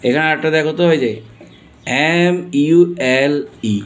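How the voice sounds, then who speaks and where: Speaking at a measured pace in a fairly high voice, a Bangladeshi-accented man teaches pronunciation to a class. He keeps quizzing his students and spells each word out letter by letter.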